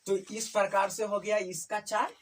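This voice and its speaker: This woman tutors a class in a flat, mid-range voice at a moderate pace, going over each term more than once and often making sure the students follow. It's a classroom lesson in a tuition room, recorded from a distance with a little background noise.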